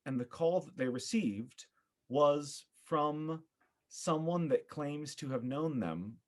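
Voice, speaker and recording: Talking theater on a podcast, a male guest speaks in a fairly high, expressive voice. He's thoughtful and halting in conversation, frequently repeating words as he gropes for phrasing.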